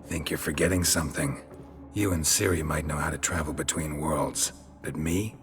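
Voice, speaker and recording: An actor playing a gruff, weary middle-aged monster hunter who talks in a terse, dry, deadpan way. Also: male voice, a bass voice, normal speed. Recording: game audio with clear music behind.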